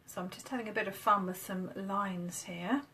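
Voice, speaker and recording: A woman's voice: mid-range voice, fairly even intonation, normal speed, pushed and bright, a little hiss or hum. A woman from the UK, a marketing coach, chatting upbeat and casual on a live stream while demoing on screen. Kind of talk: casual Facebook Live chat.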